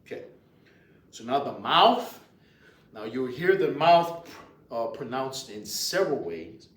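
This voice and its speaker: Male language teacher, Louisiana Cajun accent, deliberate and repetitive, slow delivery, picked up by a distant mic. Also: medium pitch, very animated, a bit bright. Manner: deliberate, repetitive, with hesitant pauses. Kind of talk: informal lesson, explaining and repeating words. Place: indoors in a library. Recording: roomy, distant mic, faint noise.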